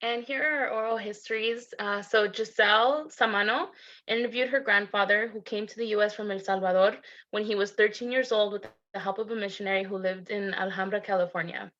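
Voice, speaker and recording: A woman's voice: medium pitch, steady tone, fairly quick, fairly bright tone. A young woman giving a class presentation, reading summaries with small asides. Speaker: student presenter. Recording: dull lo-fi audio.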